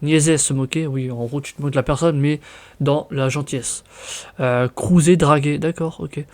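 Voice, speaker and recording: A man's voice: a little high, fairly even intonation, moderate pace, a little mellow. A young man from France with a French accent, chatting casually in a vlog, reading out words and reacting with surprise. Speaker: vlogger.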